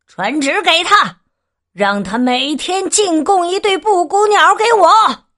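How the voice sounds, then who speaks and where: A woman's voice: a little high, animated, slow pace, fairly bright tone. Woman putting on a bossy greedy emperor. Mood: angry, commanding. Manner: bossy, commanding. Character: greedy, hot-tempered male emperor. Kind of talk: storybook reading.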